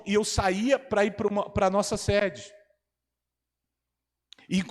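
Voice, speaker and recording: A man delivers a sermon in a church, his fairly high voice swinging from quiet asides to loud, animated exclamations. The sound carries a long hall reverb around him. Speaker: pastor.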